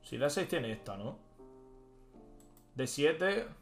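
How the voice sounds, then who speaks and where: Excitable man thinking aloud. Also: a little high, slow, vocal fry, faint music behind. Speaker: chess streamer. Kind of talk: live commentary while playing online chess.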